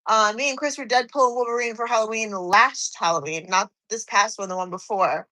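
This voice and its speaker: A woman's voice: on the high side, a little fast, sharp tone, low-quality recording. Chatty woman streaming mid-workout. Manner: chatty, reads comments aloud and answers. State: slightly out of breath while doing cardio. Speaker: fitness streamer. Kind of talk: live stream chat reading comments.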